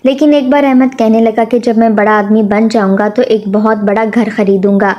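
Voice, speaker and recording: A woman narrating a sad family story in a steady, emotional storytelling manner. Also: on the high side, muffled recording.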